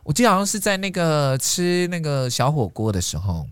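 A man, a chatty co-host who tells stories in a loose, animated way. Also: on the high side, brisk, clean tone, no room sound. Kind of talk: casual chat.

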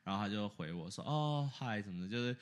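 A man co-hosting a podcast, telling a story in casual chat, animated, laughing often and slipping English words in. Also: on the low side, fast. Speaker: podcast co-host.

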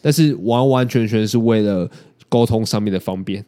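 A man's voice: on the low side, moderate pace, dark tone, clean tone. A man, hosting a casual podcast and explaining his views thoughtfully with many hesitant restarts. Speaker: podcast host and editor. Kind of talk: casual chat.

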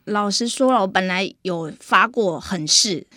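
A woman's voice: medium pitch, measured pace, bright, forceful tone, no room sound, clean studio sound. A woman from Taiwan with a Taiwanese accent, chatting informally and earnestly as a documentary filmmaker being interviewed. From Yunlin, Taiwan. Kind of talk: casual interview chat.

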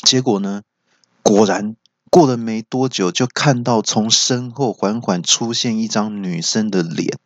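A man's voice: lowish voice, no echo. A man hosting a comedy podcast, telling folk jokes. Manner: chatty, joke-telling, drawn-out pauses. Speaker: podcast host. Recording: dull lo-fi podcast recording.

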